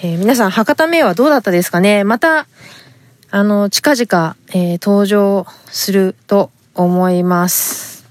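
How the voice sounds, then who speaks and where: A woman's voice: mid-range voice, measured pace. A woman from Fukuoka, Japan, hosting a podcast and reading listener letters in a polite, chatty way with frequent fillers. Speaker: podcast host.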